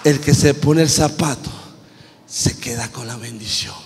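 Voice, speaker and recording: A man's voice: medium pitch, a little slow, big-room sound, noisy background. A male pastor preaching a sermon with dramatic storytelling, commanding his congregation. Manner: animated, acts out characters, commanding the congregation. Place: church.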